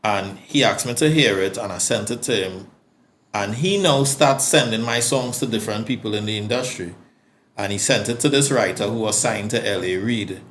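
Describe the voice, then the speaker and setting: A man's voice: lowish voice, normal speed, fairly bright tone, slight background noise. A Trinidadian man, a guest singer-songwriter, talking casually on a podcast and telling stories with frequent stammered restarts.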